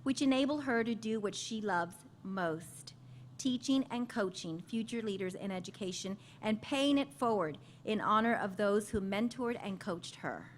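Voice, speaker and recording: A woman's voice: mid-range voice, lively intonation, moderate pace, slight background noise. A woman moderating a university panel, reading guest introductions and asking questions in an upbeat way. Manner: warm, upbeat praise of guests.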